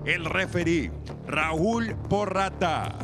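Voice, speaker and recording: Male bilingual ring announcer, lucha libre flair, higher voice, drawn-out name calls, loud music behind. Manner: drawn-out, rising calls of names; switches between Spanish and English.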